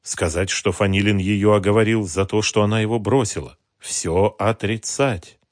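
A man narrating an audiobook in a calm, expressive reading. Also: fairly low pitch, a little fast, no room sound, studio quality. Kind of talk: scripted narration.

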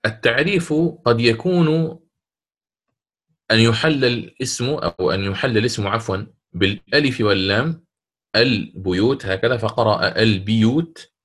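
A man teaching a lesson on Quran recitation, asking his students questions and slowly chanting verses as examples. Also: fairly low pitch, a bit bright.

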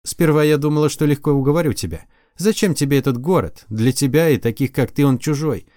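A man reading an audiobook, voicing a stubborn, sharp-tongued young girl sorceress in a raised, teasing voice. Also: on the high side, brisk, dry recording, studio quality, voice pushed up, close to an everyday voice. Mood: earnest. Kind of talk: audiobook character voice.

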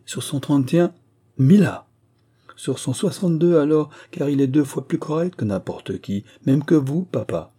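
Guy doing a cheeky young princess girl, pitched up, dark husky tone. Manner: quick-witted, mischievous, playful.

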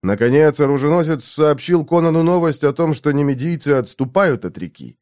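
Guy narrating a sword and sorcery audiobook, kinda high voice but weighty, dramatic. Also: animated, fairly quick, a little mellow. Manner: low, weighty storytelling.

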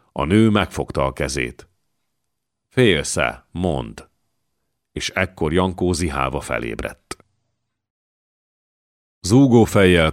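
Very deep, measured male narrator. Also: no room sound, clean studio sound. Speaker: audiobook reader. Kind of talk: scripted narration of a historical novel.

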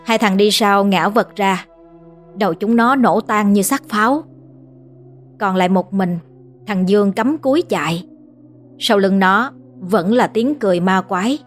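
A woman telling a horror story in a steady, dramatic storytelling manner. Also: mid-range voice, measured pace. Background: faint music.

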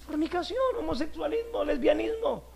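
A male pastor delivering an emphatic sermon, drawing out key words and moving between loud and hushed delivery. His voice is unusually high for a man and deeply gravelly. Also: expressive, normal speed, soft background music.

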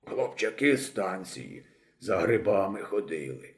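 A hoarse old railway watchman mutters gloomily in a storybook reading, as a man reading aloud puts him on. The voice is low and slow, and the pitch rises and falls widely. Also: big pitch swings, heavily acted. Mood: gloomy.

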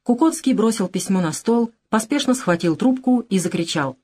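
Expressive woman reading an audiobook. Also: medium pitch, moderate pace, slight background noise. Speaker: audiobook reader. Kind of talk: scripted narration.

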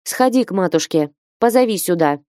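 A woman's voice: mid-range voice, expressive, moderate pace, dark tone, no room sound, studio quality, close to an everyday voice. Woman doing a cold, haughty young woman. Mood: cold stern. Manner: cold, stately, severe.

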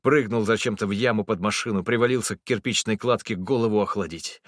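A man reading a first-person story as an audiobook in a measured, low-key way. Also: fairly even intonation, no echo, studio quality. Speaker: audiobook narrator.

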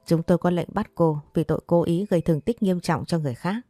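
A woman's voice: fairly low pitch, quick pace, warm tone, no room sound, studio quality, natural voice. A woman reading the lines of a stern male police officer in an audio story, speaking coldly and formally.

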